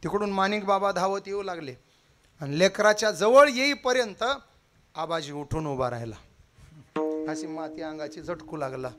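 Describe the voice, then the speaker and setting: A man's voice: high voice, lively intonation, normal speed, fairly bright tone, soft background music. A man telling a devotional story, dramatic and acting out the characters' cries. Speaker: kirtan preacher.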